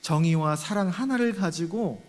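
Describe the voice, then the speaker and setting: Male pastor with a slightly high pitch, chatty sermon delivery that questions the pews directly, recorded in a reverberant sanctuary. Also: moderate pace, a little mellow. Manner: conversational preaching, often addressing the congregation with rhetorical questions. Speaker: senior pastor. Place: church sanctuary.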